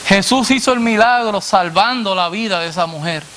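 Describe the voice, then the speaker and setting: A man preacher delivering a sermon to a congregation, asking "what?" and answering himself in a lower voice, addressing listeners as brother. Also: moderate pace, sharp tone, a little hiss or hum. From Latin America. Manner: call-and-response questions, dropping low on the answer.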